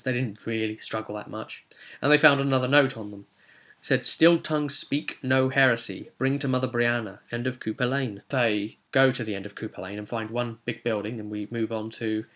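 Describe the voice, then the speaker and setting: A man with a British accent casually recounts a tabletop role-playing session he ran as game master. He is chatty and explanatory and makes asides to the viewer, in a medium-pitched, slightly bright voice.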